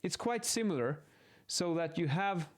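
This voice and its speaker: His voice is on the high side, expressive and unhurried. This acoustics instructor improvises an informal lesson about measurement methods as he sketches, reasoning aloud and fixing his own statements along the way.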